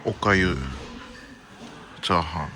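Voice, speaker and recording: A man's voice: low voice, slow pace, crowd noise. A Japanese man from Japan, chatting casually to the camera as a travel vlogger and often exclaiming to himself. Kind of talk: casual travel vlog narration. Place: hotel and hot spring resort, indoors and outdoors.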